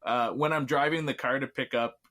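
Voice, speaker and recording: Bright-toned easygoing filmmaker man from Canada. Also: mid-range voice, fairly quick. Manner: relaxed, easygoing, trailing off. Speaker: filmmaker guest. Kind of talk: casual interview chat.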